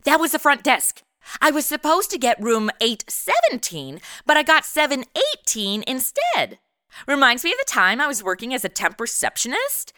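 A woman's voice: high voice, huge pitch swings, normal speed, bright, forceful tone, no echo, studio quality, exaggerated voice. An actress playing a flippant, sassy young modern woman who fancies herself a sleuth, chatting in slang in a comedic radio drama. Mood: flippant, amused.

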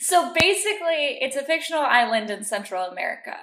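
A woman's voice: high voice, sing-song, brisk, fairly bright tone. A woman co-hosting a casual podcast chat, laughing often and explaining facts. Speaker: podcast co-host. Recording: roomy echo.

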